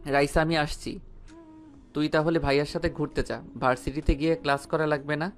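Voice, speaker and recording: A man's voice: a little high, flat delivery, a little fast, lightly acted. A man voicing a cheeky young male student who teases his family playfully. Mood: teasing. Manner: playful teasing.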